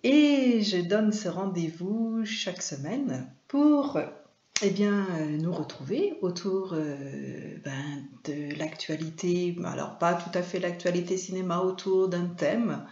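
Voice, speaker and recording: Woman, host, hesitant with fillers, low voice, dull lo-fi recording. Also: lively intonation, takes it slowly, darkish tone. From France. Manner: hesitant, many fillers and restarts. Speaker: host and film trainer. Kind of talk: casual live-stream talk. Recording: roomy, dull lo-fi sound.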